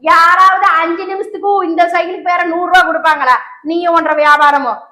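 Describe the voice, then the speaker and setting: A woman's voice: very high-pitched, steady tone, fast, echoey room. A woman playing a fussy, doting village mother in a comic sketch, exclaiming and haggling. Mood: fussing. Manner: exclaiming, fussing, bargaining loudly. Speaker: comedy skit actor.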